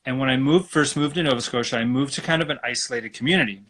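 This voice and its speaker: A man from Alberta, Canada, talking as a guest acupuncturist in a relaxed, rambling way over a video call. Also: mid-range voice, quick pace. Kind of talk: casual live-stream interview.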